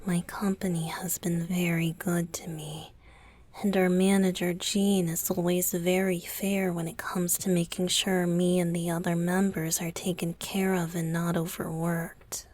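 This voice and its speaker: A woman voices a tender, playful young male pop idol boyfriend in an intimate ASMR roleplay, speaking softly and breathily, often in a whisper. Her voice sits on the low side with a level tone, and the mood is soft and earnest. She delivers lines slowly, hesitantly, affectionately and coyly.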